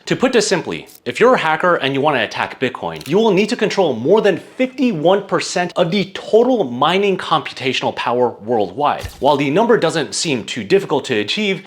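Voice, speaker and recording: A man narrating a scripted explainer as its presenter, laying things out simply, step by step, with emphatic phrasing. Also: fairly high pitch.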